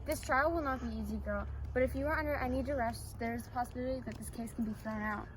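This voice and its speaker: A woman's voice: on the high side, quick pace, lightly acted. A woman playing a businesslike lawyer. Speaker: defense lawyer on a phone call. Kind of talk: amateur role-play phone scene. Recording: faint background noise.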